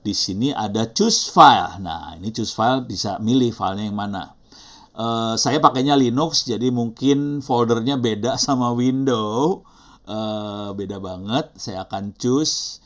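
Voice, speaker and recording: A man's voice: medium pitch, measured pace. A middle-aged man with an Indonesian accent teaching an online class, talking casually and apologizing often as he thinks aloud. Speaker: instructor. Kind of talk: live online teaching session.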